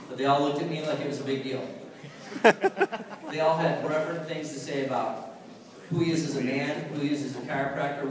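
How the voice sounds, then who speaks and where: A man introducing the next speaker on stage at a conference, teasing and loose, laughing at his own jokes. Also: medium pitch. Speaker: event emcee. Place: large conference hall with audience. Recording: echoey hall, voice from far off.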